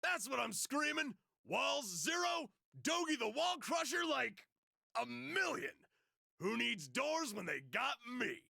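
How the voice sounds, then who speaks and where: A man voicing a boisterous, proud young brawler in a video game, reading the lines loudly with shouting bursts. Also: very high-pitched, very animated, slow, creaky, dry recording, clean studio sound, voice pushed up, exaggerated voice. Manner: loud, boastful, shouting bursts. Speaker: streamer voicing a game character. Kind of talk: dramatic reading of game dialogue.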